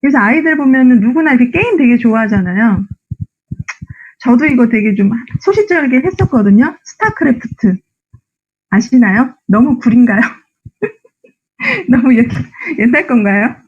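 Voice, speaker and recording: A young adult woman giving a motivational lecture, animated and often asking the audience rhetorical questions. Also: on the high side, normal speed, long pauses, slightly rough, dull audio. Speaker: speech instructor giving a lecture.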